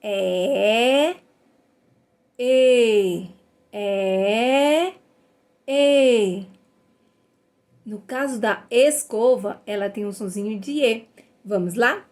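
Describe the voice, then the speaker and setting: A woman's voice: on the high side, takes it slowly, pauses often, darkish tone. A woman teaching a phonics lesson to young children. She sounds out letters one by one and praises the children cheerfully. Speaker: literacy teacher.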